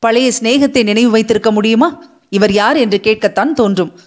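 A woman's voice: a little high, fairly quick, close to an everyday voice. A woman doing a teasing young prince. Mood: teasing, earnest. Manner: mocking, then tender and pleading. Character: young male crown prince, bold and teasing. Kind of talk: audiobook character voice.

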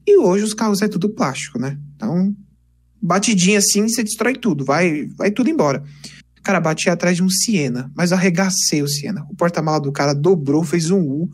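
A young man, casually telling lively stories on a podcast. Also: sits high, fairly quick, slightly rough. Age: 20s. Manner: animated, chatty, peppers speech with "cara". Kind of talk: casual storytelling chat.

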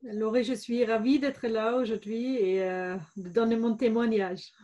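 A woman's voice: on the high side, steady tone, measured pace, mellow, dull audio. A woman in her forties with a German accent, a guest speaking hesitantly with many fillers in an interview. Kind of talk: interview testimony.

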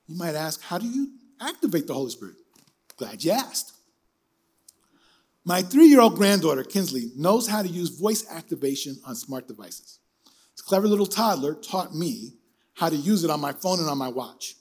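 Give me an older man preaching an emphatic sermon in a high, animated voice. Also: husky.

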